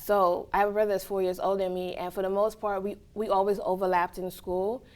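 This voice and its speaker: A woman's voice: mid-range voice, flat delivery, a little fast, a little mellow. Earnest woman from Trinidad and Tobago. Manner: reflective, earnest, often asks "right?". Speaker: interviewee, college staff. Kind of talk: casual interview answers.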